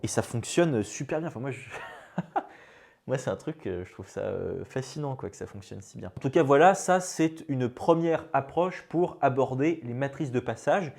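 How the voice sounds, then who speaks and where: A man's voice: mid-range voice, animated, normal speed, creaky, hardly any pauses, darkish tone. A man teaching a maths lesson, explaining step by step straight to his students and openly marvelling at the results, with casual fillers. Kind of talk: classroom-style lecture.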